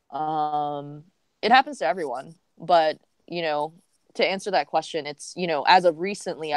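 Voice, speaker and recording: A woman's voice: sits low, dry recording. A woman joining a livestream over a remote call as a guest, giving frank opinions and thinking aloud with many fillers. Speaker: guest co-host. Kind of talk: casual livestream chat.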